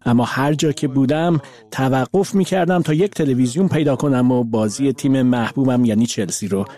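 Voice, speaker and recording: A man at a mid-range pitch dubs a guest's interview answers. His delivery is measured and even. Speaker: voice-over interpreter. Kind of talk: dubbed translation of interview answers.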